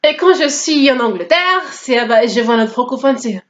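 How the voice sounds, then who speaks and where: A woman in her thirties from Guadeloupe, whose first language is English, tells her story in a casual testimony vlog. Her high-pitched, expressive voice moves at a normal speed as she jokes playfully and code-switches.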